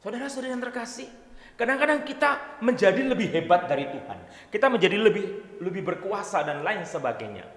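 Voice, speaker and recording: Lively, joking male priest preaching. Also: high voice, brisk. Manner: lively, joking storyteller, often addresses the congregation. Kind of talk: sermon. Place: church. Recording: echoey church hall.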